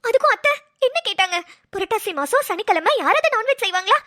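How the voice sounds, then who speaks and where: A hurt young newlywed wife in a cartoon, voiced by a woman, her complaints spilling out in tearful pleading. The voice sits very high with a bright, sharp edge. It sounds close and dry, with no room around it. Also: lively intonation, quick pace, no room sound, heavily acted. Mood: aggrieved. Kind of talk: Tamil cartoon drama voice acting.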